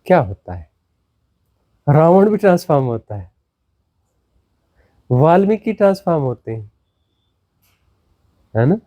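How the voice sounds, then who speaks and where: Man, spiritual teacher, satsang discourse, rhetorical and repetitive, warm tone, dry close sound. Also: very animated, a little slow, pauses often, dry recording. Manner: repetitive, rhetorical questions, dramatic swings of pitch. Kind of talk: satsang discourse answering a question.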